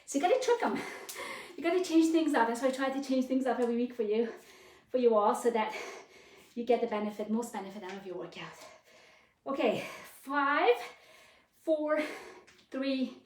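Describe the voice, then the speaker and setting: A woman's voice: fairly high pitch, moderate pace, pauses often, darkish tone. A woman working as a fitness instructor, leading a live workout class with encouraging urging, short commands and counts. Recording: roomy echo, distant microphone.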